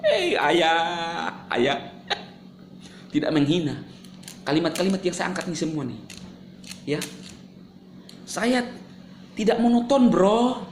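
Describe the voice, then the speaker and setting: A man talking straight to his viewers in a casual monologue, animated and sarcastic, swinging between loud jabs and low mumbles. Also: measured pace, pauses often, reverberant, a little hiss or hum. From Indonesia. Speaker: video creator answering critics.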